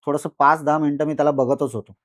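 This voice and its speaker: A man recounting a first-person horror experience in a podcast conversation, animated and repetitive with dramatic pauses. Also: on the high side, no room sound, studio quality. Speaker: guest storyteller.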